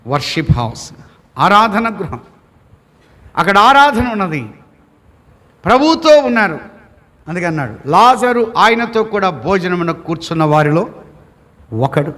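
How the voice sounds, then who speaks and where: A man's voice: high voice, bright, forceful tone, big-room sound. A male pastor preaching a sermon with a Telugu accent, posing rhetorical questions and building repeated lists.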